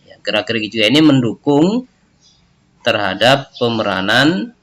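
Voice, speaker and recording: A man's voice: medium pitch, very animated, moderate pace, a bit bright. A male teacher giving a recorded lesson, explaining step by step and tagging his sentences with a questioning "ya". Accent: Indonesian.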